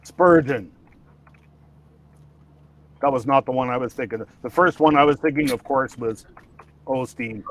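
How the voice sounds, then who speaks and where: A man's voice: mid-range voice, a little slow, long pauses. A man hosting a casual livestream chat, rambling with restarts and laughter. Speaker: livestream host.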